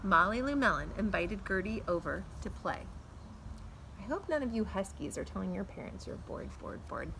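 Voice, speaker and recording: A middle-aged American teacher reads a picture book to pupils on a backyard patio, stretching words expressively and tossing in asides for the kids. Her medium-pitched voice is gravelly, bright and forceful, swinging widely in pitch at normal speed. Captured by a camera a few feet off, the audio is poor, with faint outdoor background noise.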